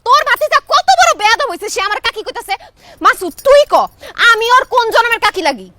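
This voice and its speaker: A woman's voice: very high voice, animated, fast talker, heavily acted. A woman playing a hot-tempered village aunt. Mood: furious. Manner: shouting, scolding.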